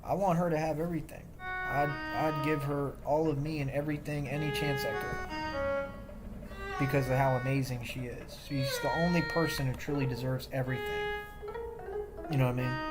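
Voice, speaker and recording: A man's voice: medium pitch, steady tone, moderate pace. A man talking on a livestream, boastful and defensive, repeating himself as he rambles. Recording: loud music behind the voice.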